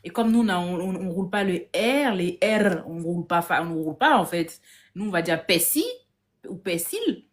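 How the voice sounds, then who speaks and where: With a fairly low pitch and moderate pace, a woman guest on a live discussion shares a casual story via phone video stream. She's animated, repeatedly restarts what she's saying, and acts out what others said.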